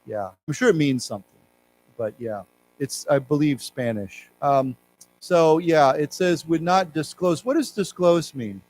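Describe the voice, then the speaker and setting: Man, English teacher, slightly raised pitch, lecture in a library room, reads passages slowly, explains and spells out words. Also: a little mellow, a little hiss or hum, poor audio. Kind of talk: classroom lecture on news vocabulary.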